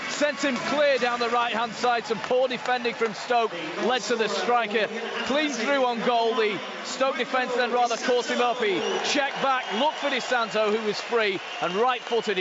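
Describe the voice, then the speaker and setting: A man reporting live from a football ground, half-shouting his report. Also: very high-pitched, normal speed, hardly any pauses. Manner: loud, half-shouted delivery. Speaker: match reporter. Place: football stadium. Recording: dull noisy stadium feed. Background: stadium noise.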